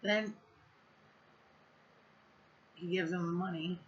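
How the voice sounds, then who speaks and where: A woman's voice: lowish voice, fairly even intonation, takes it slowly, highs cut off. A woman telling a story in a casual vlog, blunt and profane, rambling with lots of fillers. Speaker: vlogger.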